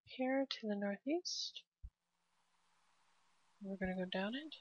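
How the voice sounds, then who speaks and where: A woman's voice: mid-range voice, slow, dry recording. Woman narrating a game walkthrough, lo-fi. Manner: relaxed, laughs often, cheers at a blast. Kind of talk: casual gameplay commentary. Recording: dry, slightly dull lo-fi.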